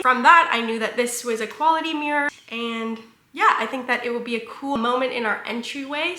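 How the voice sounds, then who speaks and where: A woman's voice: a little high, bright, forceful tone, reverberant. A young woman talking casually and playfully to viewers in a home vlog from her apartment. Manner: chatty and playful, confiding with viewers. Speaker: vlogger.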